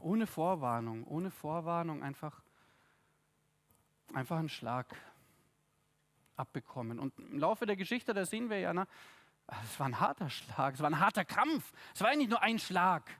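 A man preaching a sermon in a lively, conversational way, with asides and tag questions to his congregation. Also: fairly high pitch, normal speed, long pauses. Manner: reads scripture aloud with the congregation.

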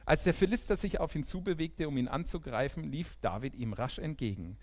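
A man preaching a sermon in a church, animated, swinging from loud emphatic peaks to quiet, near-whispered asides. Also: on the high side, a little fast.

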